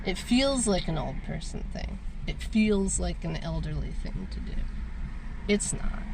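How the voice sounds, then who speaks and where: A woman's voice: fairly low pitch, very animated, measured pace. A woman chatting casually to camera while out on errands, rambling and swearing in a crotchety, grumbling manner. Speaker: vlogger. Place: in a car and outdoors on errands. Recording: clearly noisy car and street ambience.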